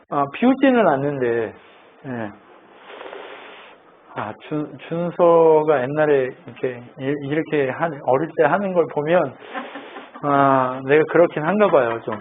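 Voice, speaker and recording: A male pastor delivers a sermon like a conversation, tossing questions to the congregation and teasing along the way. His voice sits high for a man. The sound is narrow and tinny with a faint hiss underneath. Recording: tinny phone-like band, faint noise.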